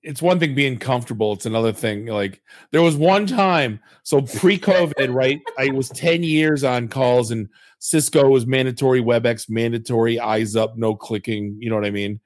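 A man's voice: medium pitch, moderate pace, hardly any pauses, dry recording, clean studio sound. A man hosting a casual chat, rambling through loose, self-deprecating anecdotes. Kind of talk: casual conversation.

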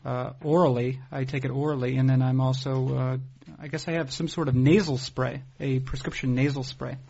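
A man hosting a casual podcast in a halting, dry deadpan way. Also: medium pitch, gravelly, dull audio. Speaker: podcast host.

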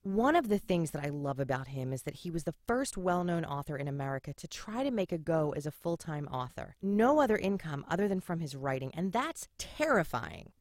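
A woman's voice: low-pitched, big pitch swings, brisk, hardly any pauses, a little mellow, no room sound, studio quality. A middle-aged woman from Philadelphia hosting a history podcast, narrating in a sarcastic, irreverent way and swearing casually. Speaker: podcast host.

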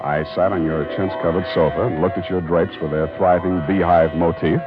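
A man's voice: low voice, steady tone, fairly quick, over loud music, close to an everyday voice. An actor playing a wisecracking hard-boiled male private eye in a 1940s radio drama, dry and sardonic, on a dull old transcription. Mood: narrating.

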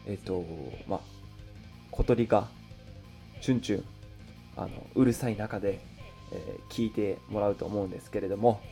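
A man hosting a language lesson, giving a scripted introduction with slow, careful enunciation for learners. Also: on the low side, steady tone, creaky, warm tone, faint music behind. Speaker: host of a Japanese learning show.

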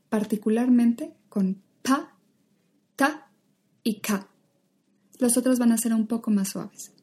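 A woman, an acting teacher leading a guided vocal warm-up, patiently drilling exaggerated syllables. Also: a little high, slightly rough.

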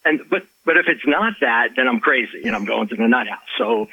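A fairly quick, slightly rough medium-pitched voice with vocal fry belongs to a man, an author and life coach, sharing a personal story in an interview. He tells it animatedly, with many restarts and acted-out quotes. No room sound is audible, and the audio is slightly dull and lo-fi.

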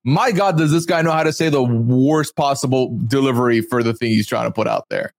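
A man's voice: medium pitch, a little fast, dry recording, studio quality. A man hosting a casual podcast, rambling through an analytical recap and chuckling as he goes. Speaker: podcast host.

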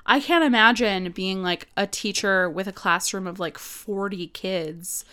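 A woman's voice: medium pitch, measured pace, pushed and bright, clean tone. Chatty woman podcast co-host. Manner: chatty, lots of fillers, laughs often. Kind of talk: casual chat. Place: home study.

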